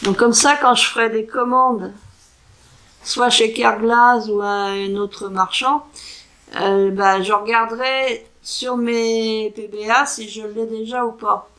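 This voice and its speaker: Woman, crafting vlogger, higher-pitched, slow and halting, chatty with fillers. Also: steady tone, fairly bright tone, low-quality recording. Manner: unhurried and hesitant, sounding out foreign words slowly; chatty with frequent fillers and self-corrections. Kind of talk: casual show-and-tell craft chat.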